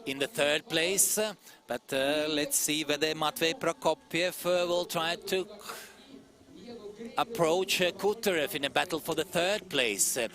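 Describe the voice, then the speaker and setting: A male race commentator speaks in a fairly high voice over a clearly audible crowd. His live delivery is halting and hesitant, broken by frequent pauses as he searches for words. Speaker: sports commentator. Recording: crowd noise behind the voice. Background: sports event crowd.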